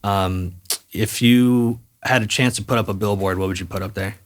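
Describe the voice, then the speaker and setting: A man's voice: lowish voice, fairly even intonation, normal speed. A young man, a musician, guesting on a podcast and telling rambling stories in casual chat, full of fillers and restarts.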